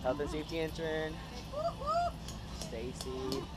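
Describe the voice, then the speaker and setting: A man vlogging outdoors by a photo booth, talking slowly and casually into a handheld camera. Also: fairly high pitch, steady tone, very noisy. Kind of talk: casual vlog chat.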